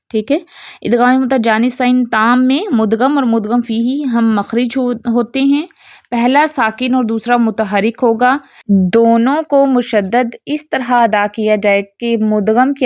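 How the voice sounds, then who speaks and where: Patient higher-voiced teacher woman, dry lo-fi. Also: a little mellow, no room sound. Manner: explains patiently, repeats checks, recites examples slowly. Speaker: Quran recitation teacher. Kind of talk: online tajweed lesson. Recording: dry, slightly dull lo-fi recording.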